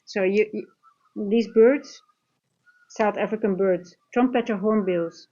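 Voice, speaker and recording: Slow-paced and mellow, this woman's medium-pitched voice belongs to a livestream host and trading coach from the Netherlands who has a Dutch accent. She chats casually and conversationally, responding directly to the chat, with dull lo-fi audio quality.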